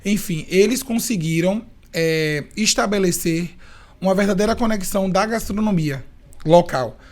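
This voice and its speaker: A young man from Recife, a chef and podcast guest, telling his story in a playful, expressive and talkative way. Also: high-pitched, moderate pace. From Recife, Brazil. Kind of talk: casual interview storytelling.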